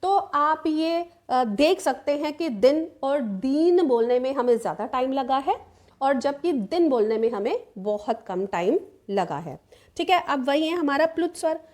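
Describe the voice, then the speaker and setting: High-voiced woman teaching grammar. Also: expressive, a little slow, darkish tone. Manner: repeats 'ठीक है' often, asks questions then answers them. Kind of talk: explanatory classroom lesson.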